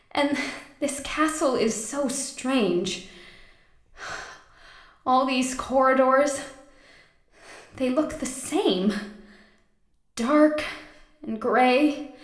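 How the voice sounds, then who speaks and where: An actress playing a gentle, innocent young princess, speaking softly with a naive, wistful manner in an audio drama. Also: female voice, high voice, reverberant.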